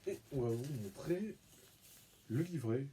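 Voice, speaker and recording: A man hosting his own channel, talking through an unboxing in a relaxed, rambling, self-mocking way, humming and muttering as he handles things. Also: medium pitch, measured pace, a little hiss or hum. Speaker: video channel host. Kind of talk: casual unboxing commentary.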